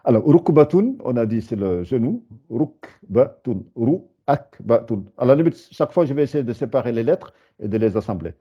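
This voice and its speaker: Patient man teaching syllables slowly. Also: medium pitch, expressive, highs cut off. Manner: patient, spells syllables slowly, many hesitations. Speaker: Arabic teacher. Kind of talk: live beginner lesson with students.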